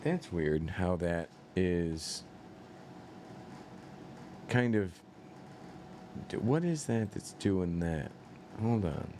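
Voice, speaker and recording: A man's voice: low voice, expressive, drawn-out words, pauses often, dark tone, a little hiss or hum. A man hosting a live-stream commentary show, rambling and swearing with many fillers and incredulous outbursts. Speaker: political commentary show host.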